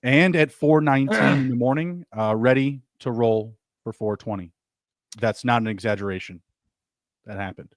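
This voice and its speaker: A man's voice: medium pitch, normal speed, dry recording, studio quality. A man co-hosting a live-stream talk show, joking and ribbing his co-host and often repeating himself for emphasis. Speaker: podcast co-host. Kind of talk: casual live-stream banter.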